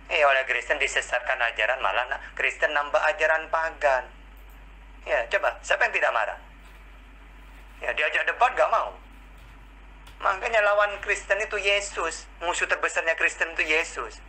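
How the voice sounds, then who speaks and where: Man debater, very bright sharp voice, combative, voice-chat debate. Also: a little high, normal speed, poor audio. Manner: challenging, combative. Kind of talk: heated online voice-chat debate.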